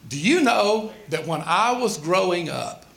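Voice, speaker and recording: Here the sixty-something Southern pastor has a high, sing-song delivery with vocal fry and a slightly bright quality, keeping a measured pace. He preaches emphatically, asking rhetorical questions and dropping in folksy remarks.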